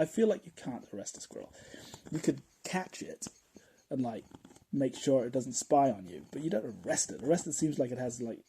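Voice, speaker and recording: A man hosting a podcast in a casual monologue, rambling and chatty, often chuckling and dropping into quiet asides. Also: mid-range voice, slight background noise, rough recording. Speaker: podcast host.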